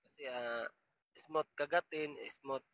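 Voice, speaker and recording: A man's voice: a little high, steady tone, takes it slowly, fairly bright tone, dry recording, rough recording. A man from Mindanao with a Visayan accent, talking politely and hesitantly as a caller on a matchmaking show. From Mindanao, Philippines. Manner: polite and hesitant, full of fillers. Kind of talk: casual chat.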